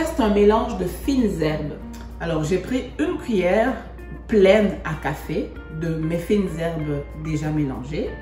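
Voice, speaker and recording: Woman from Congo, cooking demonstration, chatty and repetitive, lowish pitch, roomy kitchen echo. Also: mellow. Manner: chatty, repeats and rephrases while working. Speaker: home cook presenting a recipe.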